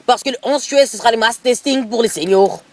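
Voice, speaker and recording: Man putting on a pushy Alsatian football coach, high voice, rambling prank call, phone close to the mouth. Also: fast talker, a little mellow. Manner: pushy, rambling, repeats filler tags. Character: brash bigoted middle-aged male football coach, pushy. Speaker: prank caller. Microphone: phone held close to mouth.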